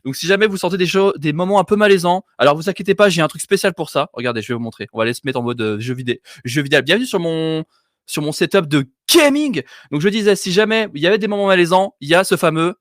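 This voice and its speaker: A man's voice: a little high, racing, hardly any pauses, no echo, studio quality. A man hosting a live stream, joking and self-mocking in casual chat.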